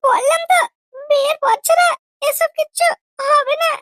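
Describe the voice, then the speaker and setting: A squeaky cartoon girlfriend. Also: sharp tone, dry recording, clean studio sound. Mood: firm. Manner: indignant, quick to take offense. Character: squeaky young woman, prim and touchy girlfriend. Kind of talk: cartoon comedy dubbing.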